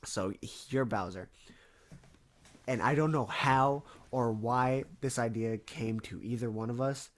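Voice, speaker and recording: Man, podcast co-host, casual animated storyteller, curses often. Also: mid-range voice, measured pace. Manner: animated, swears freely, acts out quotes.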